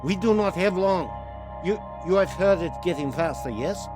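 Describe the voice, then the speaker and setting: An actor playing a stern Soviet agent who speaks clipped, halting English, with game music behind. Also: male voice, high voice, lively intonation. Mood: grave. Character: stern Soviet agent man, urgent and blunt. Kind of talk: video game voice acting.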